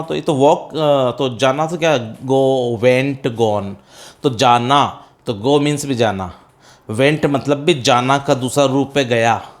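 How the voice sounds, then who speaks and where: A middle-aged man with an Indian accent, teaching spoken English step by step, calling students "beta" and answering his own questions. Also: medium pitch. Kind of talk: classroom-style spoken English lesson.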